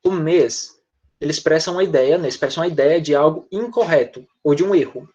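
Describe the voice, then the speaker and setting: A man's voice: a little high, a little fast, warm tone. A male Brazilian teacher with a Brazilian Portuguese accent explaining words to students in an online class, often checking in with short questions. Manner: explanatory, uses tag questions like "né?" and "tá?". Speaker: English teacher. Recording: dull lo-fi online class audio.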